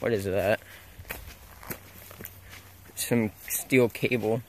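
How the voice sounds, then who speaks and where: A young man narrates a casual walking vlog in a forest, talking as he walks and filming on a handheld camera mic to document abandoned sites. His fairly low, slightly mellow voice has fairly even intonation and drawn-out words, and he rambles, sounds unsure, and corrects himself. There's slight background noise.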